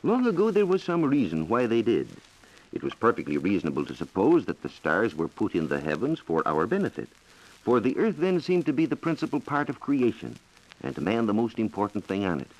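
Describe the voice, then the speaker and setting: A man with a lowish, darkish voice answers listener questions as a science reporter on a 1940s radio show, reading from a script. His pitch swoops wildly and his pace is brisk. The delivery is formal, exact and commanding, and the vintage broadcast audio is poor.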